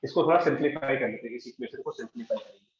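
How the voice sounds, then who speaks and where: A man's voice: medium pitch, rapid-fire, a little hiss or hum. A man with an Indian accent teaching a live physics class, explaining step by step and checking in with his students. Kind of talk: live online physics lecture. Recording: echoey room, dull lo-fi sound.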